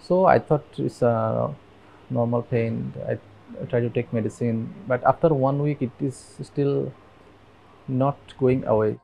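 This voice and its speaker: Gravelly Bangladeshi man, earnest and halting. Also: mid-range voice, fairly even intonation, narrow, tinny audio, slight background noise. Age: 30s. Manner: earnest, with halting restarts and simple grammar. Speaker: interviewee, migrant worker. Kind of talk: documentary interview. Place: dim indoor room with fans. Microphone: lapel mic.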